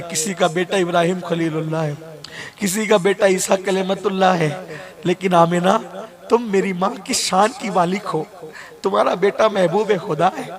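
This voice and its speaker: A man delivering an emotional Islamic sermon to a gathering, repeating phrases and addressing the listeners directly. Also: sits high. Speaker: Islamic preacher. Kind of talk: impassioned sermon.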